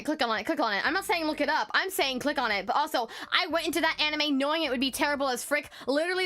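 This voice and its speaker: A woman streamer chatting casually, rambling and stuttering nervously through an animated rant. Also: high-pitched.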